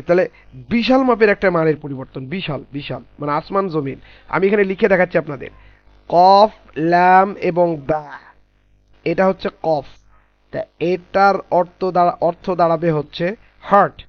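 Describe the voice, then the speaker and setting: Guy teaching quran letters, fairly high voice, patient, repeats sounds slow, dull dry lo-fi audio. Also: no echo. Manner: patient, spells out sounds slowly and repeats them. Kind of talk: online class teaching letter pronunciation.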